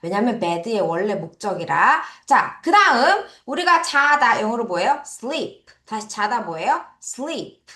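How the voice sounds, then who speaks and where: A woman's voice: on the high side, sing-song, normal speed, hardly any pauses, sharp tone, roomy sound. A Korean woman teaching English vocabulary to children, repeating words and correcting their pronunciation.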